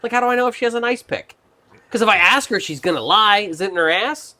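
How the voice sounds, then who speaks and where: A man's voice: sits high, lively intonation, fast talker, pushed and bright. A man co-hosting a comedy podcast, trading crude jokes and laughing often. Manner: laughs often, loose and joking. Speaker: podcast co-host. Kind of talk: crude casual banter.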